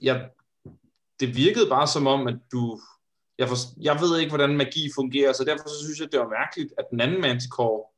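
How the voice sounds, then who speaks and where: A man's voice: mid-range voice, a bit bright. A man playing a tabletop role-playing game, describing his character's actions in a casual way. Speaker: player.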